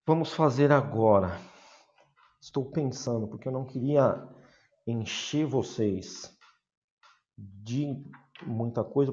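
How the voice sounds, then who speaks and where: A man from Brazil teaching an English grammar lesson to his class, patiently repeating key words and checking in with his students after each point. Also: warm tone. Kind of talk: online class explaining grammar. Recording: dull low-fidelity sound.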